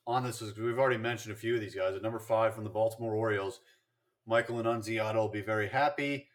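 A man's voice: lowish voice, fairly even intonation, fast. A man co-hosting a casual sports podcast, chatting and rattling off statistics with fillers and restarts. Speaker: podcast co-host.

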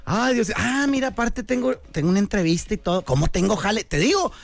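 A man's voice: sits high, expressive, a little fast, creaky, no room sound. A man with a Mexican accent hosting a radio show, telling a comic story in a joking, playful way. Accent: Mexican Spanish. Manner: playful, jokey storyteller, acts out voices. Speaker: radio host. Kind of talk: comedic radio monologue.

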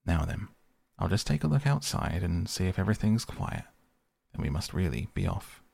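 A man voicing a good-natured, brave water rat who talks calmly and reassuringly. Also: low voice, moderate pace, vocal fry, husky, dry recording, exaggerated voice. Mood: brisk. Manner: calm, reassuring and hearty.

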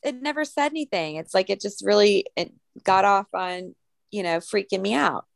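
A young woman co-hosting a casual podcast, rambling through a story with fillers and small laughs. Her voice has a gravelly edge and is recorded dry and close. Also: medium pitch, normal speed, no room sound. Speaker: podcast co-host. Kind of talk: casual chat.

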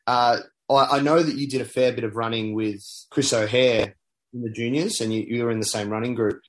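Male interviewer, mid-pitched, casual, stumbling lead-ins. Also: steady tone, a little fast. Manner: hesitant, stacks up fillers before questions. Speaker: interviewer, host.

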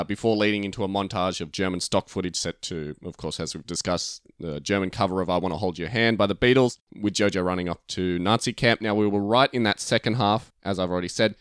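A man's voice: lowish voice, smooth, no echo, clean studio sound. A man co-hosting a casual podcast chat, explaining at length with fillers. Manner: talks in long explaining runs with fillers. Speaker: podcast co-host.

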